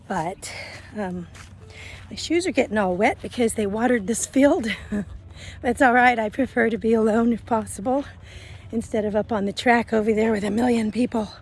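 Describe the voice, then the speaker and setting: A woman's voice: fairly high pitch, brisk, gravelly, breathy edge. A woman in her fifties talking casually while walking outdoors, a little out of breath, rambling with fillers. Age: 50s. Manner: chatty, rambling with fillers and self-corrections. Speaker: vlogger. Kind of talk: casual walk-and-talk vlog. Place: outdoors in a grassy field. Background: faint traffic and a passing airplane.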